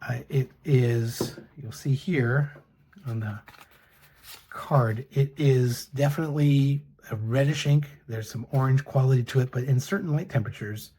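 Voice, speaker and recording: A middle-aged man talks through his fountain pens and inks in a relaxed show-and-tell. His voice is mellow and quite raspy. He speaks softly and hesitantly, with plenty of fillers and restarts. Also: medium pitch, unhurried. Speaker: pen and ink reviewer. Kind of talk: casual show-and-tell review.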